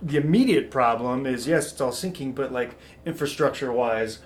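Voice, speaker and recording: A man in casual chat, excitable and joking, swearing now and then. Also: mid-range voice, moderate pace, a little hiss or hum.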